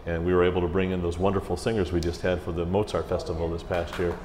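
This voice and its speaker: A middle-aged man, a music director in an interview, telling stories in a chatty, animated way. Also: low voice, fast, crowd noise. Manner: chatty, animated, slips into mimicked voices. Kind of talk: casual interview storytelling. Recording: roomy hall echo with faint ambient hiss.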